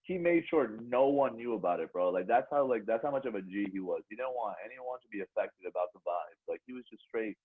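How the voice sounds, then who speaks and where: A man's voice: on the low side, lively intonation, a little fast, few pauses, husky, narrow, tinny audio. A young man co-hosting a podcast in casual banter, very slangy, constantly dropping bro, man and like. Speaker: podcast co-host.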